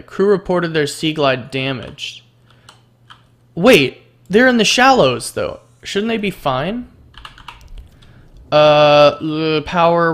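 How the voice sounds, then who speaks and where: Gravelly, slow-talking gamer man. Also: fairly high pitch, a bit bright. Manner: rambling and sarcastic, full of fillers. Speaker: gaming video creator. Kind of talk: let's play commentary.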